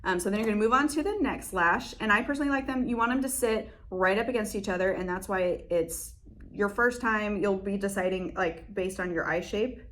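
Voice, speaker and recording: A woman's voice: mid-range voice, a little fast, a bit bright. Young woman, casual tutorial host, chatty and giggly. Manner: chatty, laughs often, many fillers. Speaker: beauty vlogger. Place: room in her salon.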